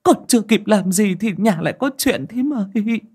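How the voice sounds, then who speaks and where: A man's voice: high voice, normal speed, a little mellow, husky, voice pushed up. A man voicing a frightened middle-aged village woman who stammers and pleads. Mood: anxious. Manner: trembling, stammering.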